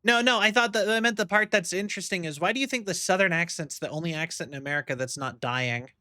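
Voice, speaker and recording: Young male streamer, chatty and rambling, bright clear voice. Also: high-pitched, fast, no echo, clean studio sound. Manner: rambling, musing, many fillers. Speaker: livestreamer. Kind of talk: casual chat while gaming. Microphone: streaming mic.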